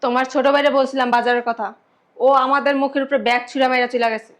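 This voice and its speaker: A sharp-tongued young wife, played by a woman, complaining about her idle brother-in-law. Her voice sits high and the words come fast and cutting. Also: level tone, close to an everyday voice. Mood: sarcastic. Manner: sarcastic, complaining. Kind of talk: family drama acting.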